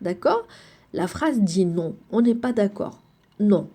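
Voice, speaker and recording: A woman teacher giving a grammar lesson to children, slow and patient, repeating and checking with the class. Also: mid-range voice, expressive, warm tone.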